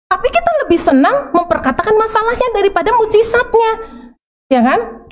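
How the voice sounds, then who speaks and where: A middle-aged woman preaching a sermon in a church, animated and acting out the voices she quotes. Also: very high voice.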